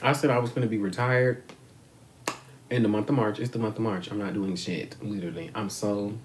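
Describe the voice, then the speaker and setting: Man, US-raised vlogger, lowish voice, slangy and swearing freely, rambling to camera while eating, faint noise around him. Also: steady tone, fairly quick. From United States. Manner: rambling, profane, slangy and frank. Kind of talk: casual talk to camera. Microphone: camera mic.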